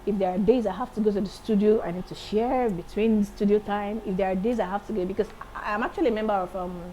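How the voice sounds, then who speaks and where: A woman in her late thirties, a singer and accountant, chatting as an interview guest in a lively, enthusiastic way. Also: mid-range voice, quick pace, slight background noise, low-quality recording. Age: 30s. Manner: lively, laughs often, enthusiastic. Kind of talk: casual interview chat.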